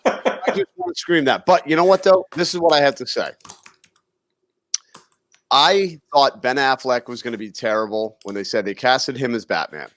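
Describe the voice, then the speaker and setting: A man co-hosting a casual podcast chat in a relaxed way, often calling his co-host dude. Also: medium pitch, moderate pace, dry recording. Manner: relaxed, says dude a lot.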